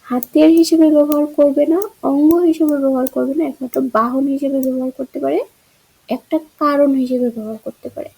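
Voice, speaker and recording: A woman's voice: sits high, steady tone, fast, creaky, warm tone, poor audio. A woman teaching an exam-prep grammar lesson, walking through answer choices and checking in with rhetorical questions.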